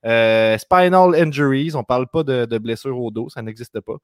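Québécois man running a fast news rundown. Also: medium pitch, smooth, no room sound, clean studio sound. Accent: Québécois French. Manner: quick news rundown, lists words rapidly. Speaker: podcast host. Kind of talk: casual podcast chat.

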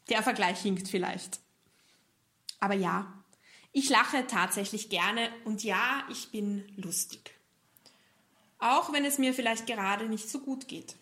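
Austrian woman cabaret artist, slightly high voice, playful scripted monologue. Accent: Austrian German. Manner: playful, acts out joke voices.

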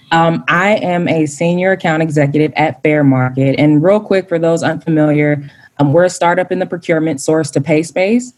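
A young woman from Dallas introduces herself on a panel with a playful, chatty manner. Her voice is very low for a woman. She speaks casually and freely. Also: a little mellow. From Dallas, Texas. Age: young adult. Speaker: account executive, panel guest.

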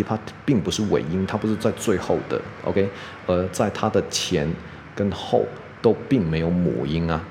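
A man teaching English pronunciation on a podcast, explaining step by step, saying "OK" constantly and sounding out words slowly. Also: low voice, creaky, a little mellow. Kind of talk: casual spoken lesson. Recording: long reverb, faint background noise.

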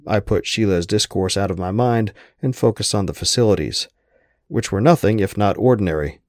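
Man, very low voice, dry close sound, wry first-person audiobook narration. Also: normal speed, a little mellow, no echo.

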